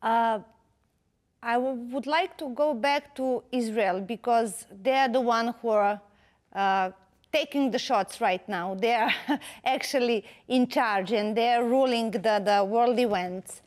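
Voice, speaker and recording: A woman's voice: a little high, a little slow. Hesitant woman interviewer. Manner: hesitant, many fillers and restarts. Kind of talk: interview questions.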